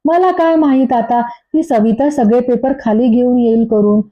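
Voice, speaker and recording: A woman's voice: fairly high pitch, a little slow, natural voice. A woman voicing a young wife who argues back with indignant, sarcastic retorts. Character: bickering young wife defending herself. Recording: dull lo-fi recording.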